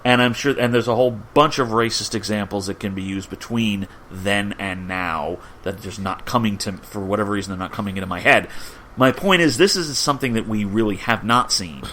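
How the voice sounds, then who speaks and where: A man's voice: fairly quick, slight background noise. A man co-hosting a podcast, making his points in emphatic, argumentative casual talk. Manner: emphatic, argumentative, lively swings in pitch. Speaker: podcast co-host. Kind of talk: casual political discussion.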